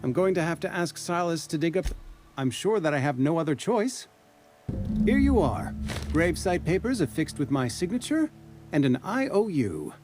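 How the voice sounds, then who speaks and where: A prim, self-important company administrator in a video game. His voice sits a little high and swings widely in pitch. The tone is bureaucratic and fussy, with faint music behind him. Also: big pitch swings, moderate pace, a little mellow.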